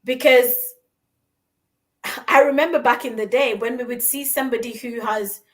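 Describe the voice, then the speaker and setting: Woman, from Uganda, high voice, earnest, encouraging, podcast host. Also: fairly even intonation, moderate pace. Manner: earnest, encouraging, repeats words as she goes. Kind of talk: conversational podcast talk. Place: London.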